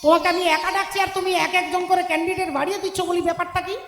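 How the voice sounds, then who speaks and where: A woman's voice: very high-pitched, fairly even intonation, very fast, pitched above the performer's own voice. A woman voicing Bhola, a simple, always-hungry male devotee who pleads in a whiny, coaxing voice. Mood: grumbling. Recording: echoey hall with music behind.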